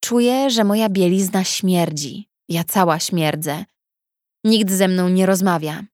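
Female audiobook narrator, measured and subdued, unhurried first-person reading, dry close mic. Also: lowish voice, darkish tone, no room sound.

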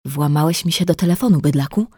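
A woman's voice: deep voice, fast talker, mellow, husky, no room sound, clean studio sound. A woman reading the lines of a frightened, desperate young man who speaks through strain in an audiobook. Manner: strained, hissing.

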